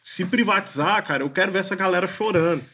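A man co-hosts a casual podcast and tells his story bluntly, full of slang. His voice sits a little higher than most men's. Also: fast talker, sharp tone, husky.

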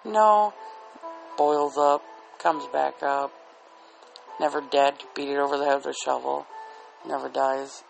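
Male solo podcaster, candid and rambling, self-deprecating, dry-throated with plenty of fry, faint music underneath. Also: a little high, fairly even intonation, a little slow, long pauses, low-quality recording. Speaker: podcast host. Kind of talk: rambling casual solo monologue. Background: soft relaxing music.

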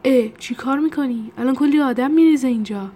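A bold, thrill-seeking young woman, read by a woman narrating a novel. She sounds excited and teasing, eager for the next risk. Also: medium pitch, natural voice. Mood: alarmed.

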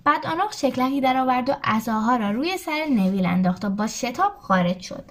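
A woman's voice: high voice, animated. A woman reading a storybook aloud, steadily narrating and lifting her voice for quoted lines. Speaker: audiobook narrator.

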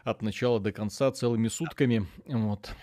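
A man co-hosting a live gaming stream, chatty and excitable, rambling with fillers as he talks. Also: on the low side, normal speed. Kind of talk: casual live stream chat.

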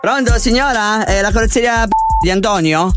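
Cheeky high-voiced man on prank calls. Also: moderate pace, over loud music. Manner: cheeky, slangy, pestering. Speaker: prank caller. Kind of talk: comic prank phone call.

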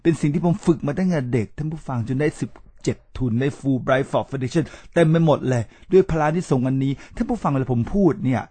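A man hosting a podcast, giving a motivational talk with slow emphatic repetitions and speaking straight to his listeners. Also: medium pitch, dark tone, husky, no room sound. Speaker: podcast host.

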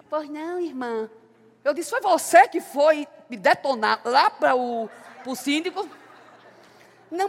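A woman with a high voice delivers a sermon with personal testimony in a church, her words trailing a long hall reverb. Her delivery swings from fervent, loud exclamations to hushed, intimate storytelling.

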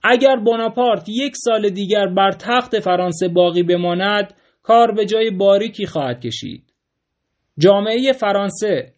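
A polite yet despairing nobleman who lectures with rising heat, voiced by a man reading aloud. His voice lifts fairly high, and the lines come in an audiobook reading of a storybook. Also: close to an everyday voice. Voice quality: heated, lecturing.

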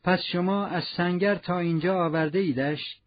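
A man's voice: high voice, steady tone, voice pushed up, natural voice. A man voicing a stern, cold police inspector who speaks in curt, clipped questions. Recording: muffled lo-fi recording.

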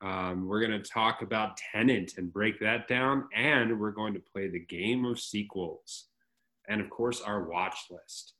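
A man with a fairly low voice hosts a casual movie podcast. He chats easily and laughs off his own stumbles. His talk is relaxed and conversational. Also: measured pace. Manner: self-deprecating, laughs at own slips. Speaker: podcast host.

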